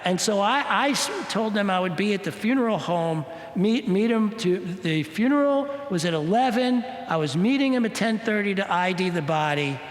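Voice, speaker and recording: A male minister giving a spiritual talk, telling a personal story in an animated way and acting out the voices of the people in it. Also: high-pitched, slight background noise. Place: church hall. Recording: echoey hall.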